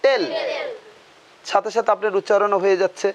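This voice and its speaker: A man's voice: high voice, fairly even intonation, brisk. A man teaching a grammar lesson, asking questions and answering them himself, repeating key terms.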